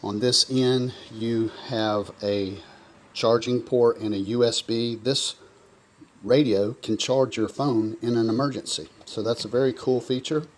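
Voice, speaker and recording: An American product reviewer from coastal North Carolina presents to camera in a casual demonstration. His mid-range voice is steady in tone and a little slow.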